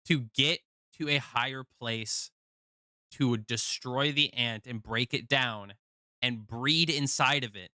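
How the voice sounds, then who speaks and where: A man streaming casual reaction chat, with an excitable, sweary manner. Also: medium pitch, slow pace, no echo, clean studio sound, soft background music.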